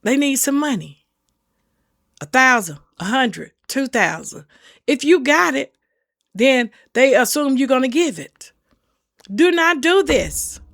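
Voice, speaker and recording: Earnest gravelly-voiced woman giving advice. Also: sits high, animated, measured pace, a bit bright, no echo, clean studio sound. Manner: earnest, repeats warnings, folksy phrasing. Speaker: senior safety channel host. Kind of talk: casual advice talk to camera.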